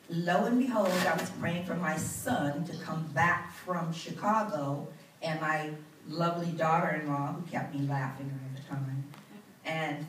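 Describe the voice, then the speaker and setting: A woman's voice: low-pitched, fairly bright tone, a little hiss or hum. Older woman testifying from a church pulpit. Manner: earnest, building to fervent bursts. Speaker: church minister. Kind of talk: testimony speech. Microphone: handheld mic, far camera. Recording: roomy church sound from far off.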